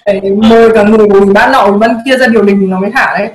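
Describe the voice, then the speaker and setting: A young woman co-hosting a casual chat, telling stories in a lively way and acting out the voices of the people in them. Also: medium pitch, racing. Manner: lively storyteller, acts out quoted voices. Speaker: co-host. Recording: roomy echo.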